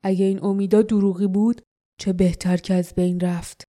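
A woman's voice: medium pitch, little pitch movement, warm tone, natural voice. A woman doing a bitter gloomy man. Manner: bitter, heavy tone. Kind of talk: audiobook character voice.

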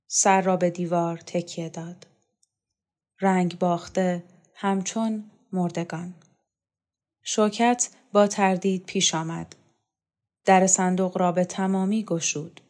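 A woman narrating a literary novel in a calm, measured, deliberate reading voice. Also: on the low side. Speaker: audiobook reader.

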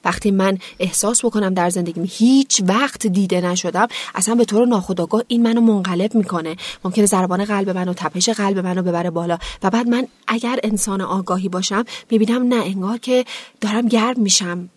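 A woman explaining anger management in a calm, measured way with everyday examples. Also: medium pitch, dry recording. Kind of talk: explanatory podcast talk.

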